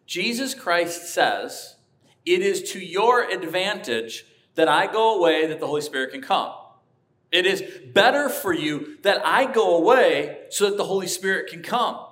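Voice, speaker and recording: A man's voice: sits high, expressive, unhurried, a bit bright. A man preaching a sermon as a pastor, earnest and emphatic, rising to passionate peaks. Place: church sanctuary.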